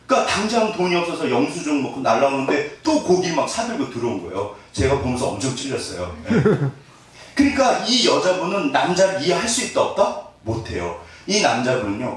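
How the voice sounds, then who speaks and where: Very animated male pastor in an echoey hall. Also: mid-range voice, fairly quick. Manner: lively, joking, acts out little scenes. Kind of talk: sermon. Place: church hall. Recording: echoey hall, mic at a distance, faint noise.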